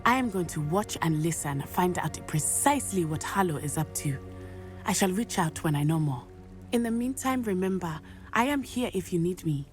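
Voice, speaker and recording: Lively intonation colors this woman's fairly low voice, which moves at a moderate pace and sounds lightly acted. In game audio with faint music behind it, she plays an earnest young female student from Matabeleland, speaking in a formal, measured manner.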